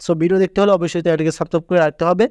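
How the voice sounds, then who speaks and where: A man's voice: high-pitched, steady tone, rapid-fire, a little mellow, smooth, no room sound. A man hosting a screen-recorded app tutorial, talking insistently and stressing his points with repeated filler words. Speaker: tutorial channel host.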